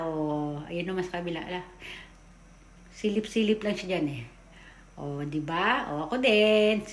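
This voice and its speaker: A woman's voice: mid-range voice, echoey room, slight background noise. Chatty woman narrating a family vlog. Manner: chatty, tags lines with "o, di ba?"; stumbles over words and admits it. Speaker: family vlogger and mother. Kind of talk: casual voice-over narration of home video.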